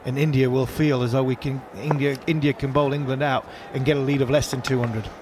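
A man's voice: mid-range voice, level tone, brisk. A man giving analytical cricket commentary, explaining the play and repeating points for emphasis. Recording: noisy outdoor broadcast. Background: stadium background noise.

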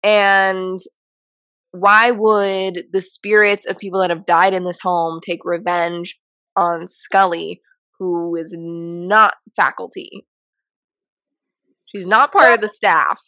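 A woman's voice: lowish voice, fairly even intonation, sharp tone, no echo. A woman co-hosting a casual chat, speculating and restarting her sentences as she thinks. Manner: halting, restarts often, speculative. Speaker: podcast co-host. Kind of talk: casual chat about a TV episode.

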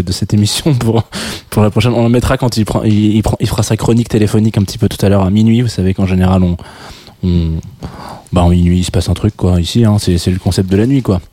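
A man's voice: on the low side, dark tone, no room sound. A man co-hosting a late-night music stream, rambling casually with repeated words and easy laughter. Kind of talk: casual radio chat.

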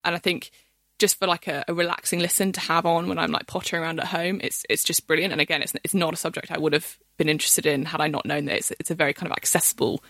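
A woman's voice: sits low, level tone, fast talker, fairly bright tone, dry recording, studio quality. A woman chatting enthusiastically as a podcast guest, full of fillers and restarts. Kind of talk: casual podcast chat.

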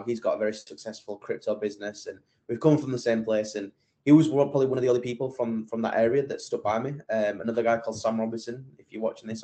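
A man in his 20s from England appears as a podcast guest in a casual interview. His voice runs low with a darkish tone, and he rambles, using lots of fillers and starting sentences over.

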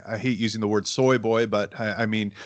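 A man's voice: fairly low pitch, steady tone, brisk, no room sound. A middle-aged man hosting a casual interview podcast, rambling with many fillers and restarts. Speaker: podcast host.

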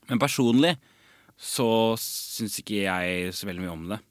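A man's voice: fairly low pitch, animated, dry recording, clean studio sound. A man in casual chat, frank and blunt, laughing often and swearing freely. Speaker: guest in a chat.

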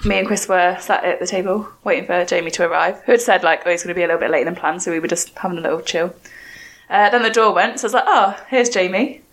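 Young female podcast co-host from Burton-on-Trent, mid-pitched, lively storyteller, laughs often. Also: quick pace. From Burton-on-Trent, England. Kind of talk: casual chat.

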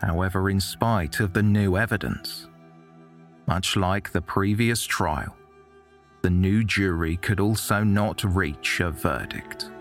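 A man giving measured, scripted narration for a true-crime documentary. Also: low-pitched, faint music behind.

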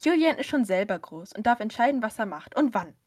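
A woman's voice: fairly high pitch, expressive, moderate pace. A woman reading the part of a firm, scolding mother. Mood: stern. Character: stern, protective mother, middle-aged.

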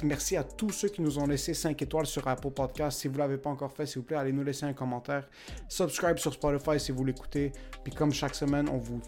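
A man's voice: medium pitch, a little mellow. A man co-hosting a podcast, chatting casually, swearing and mixing in English words. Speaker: podcast co-host. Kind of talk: casual chat.

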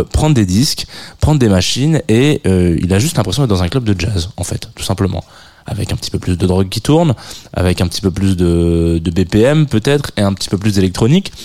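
A man's voice: fairly low pitch, warm tone. A man hosting a live music radio show in a rambling, casual way, full of hesitations and restarts, with a self-mocking humor. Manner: self-mocking, chuckles at his own jokes. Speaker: radio host.

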